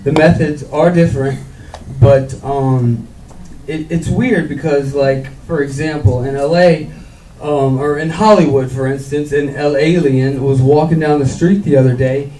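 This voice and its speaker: A stand-up comedian from Louisiana, rambling with lots of fillers on a club stage. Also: male voice, fairly high pitch, steady tone, unhurried, mellow, a little hiss or hum. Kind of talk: stand-up routine. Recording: echoey club, mic from far off.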